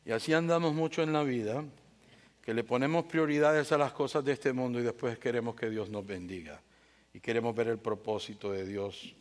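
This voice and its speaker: A man preaching a sermon as pastor, swinging between loud bursts and hushed asides, with playful humor. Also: mid-range voice, brisk.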